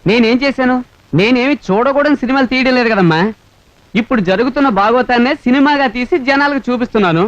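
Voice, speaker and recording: A man's voice: extremely high pitch, quick pace, no echo. An actor playing a defiant, hot-tempered young film-maker who argues back at his family. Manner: defiant, argumentative. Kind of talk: 1970s film acting. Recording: dull old film soundtrack.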